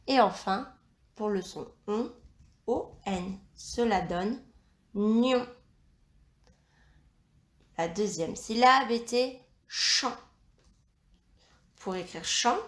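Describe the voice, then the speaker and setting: Woman teacher, unhurried and precise, spells out each sound in a roomy space. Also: medium pitch. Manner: slow, carefully spelled-out instruction. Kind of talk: dictation lesson.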